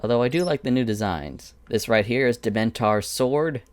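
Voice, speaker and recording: Man, casual walkthrough, chatty and wandering, smooth resonant voice, dry close sound. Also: medium pitch, moderate pace, no echo. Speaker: animator showing his Minecraft prop world. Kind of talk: casual screen-recorded walkthrough.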